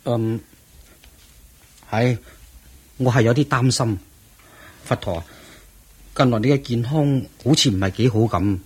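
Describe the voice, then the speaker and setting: Ananda, husky-voiced devoted disciple. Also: male voice, medium pitch, measured pace, pauses often. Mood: worried. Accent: Hong Kong Cantonese. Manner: deferential, earnest, concerned. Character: Ananda, devoted, anxious male disciple of the Buddha. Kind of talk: Cantonese religious radio drama acting.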